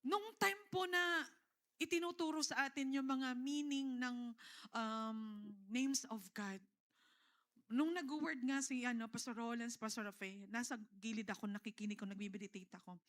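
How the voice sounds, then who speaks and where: A woman's voice: on the high side, normal speed, a bit bright. A middle-aged woman pastor with a Filipino accent, preaching a sermon to a congregation, calling out to them again and again. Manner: preaching in mixed Tagalog and English, with repeated calls to the congregation. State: tearful.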